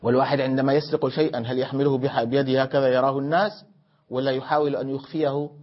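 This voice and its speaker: A man's voice: mid-range voice, flat delivery, very fast. Man teaching grammar in a lo-fi recording. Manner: questions students and corrects their answers; explains by repeating and rephrasing. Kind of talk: classroom lesson. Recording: dull lo-fi classroom recording.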